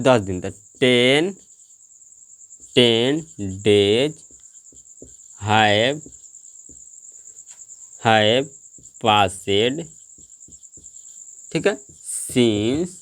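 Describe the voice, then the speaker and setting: A man's voice: mid-range voice, a bit bright. A man teaching English grammar to a class, repeating questions and answering them himself. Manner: slow, drawn-out delivery.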